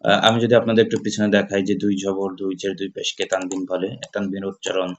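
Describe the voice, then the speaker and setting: A man teaching Quran reading in a patient lesson, repeating letter sounds slowly and pausing with hesitant fillers. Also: low voice, little pitch movement, dull audio, slight background noise. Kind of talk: step-by-step recitation lesson.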